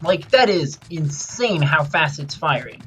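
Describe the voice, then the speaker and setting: Excitable rambling man narrating gameplay. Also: fairly high pitch, measured pace, slight background noise. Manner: rambling, filler-heavy, excitable explaining. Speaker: gameplay commentator. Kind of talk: casual gameplay commentary.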